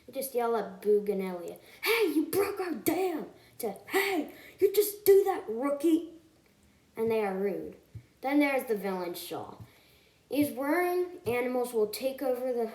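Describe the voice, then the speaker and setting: A woman's voice: a little high, a little mellow. A woman reviewing a film in a scripted voice-over. She talks earnestly and emphatically and often stops to correct herself. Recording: echoey room.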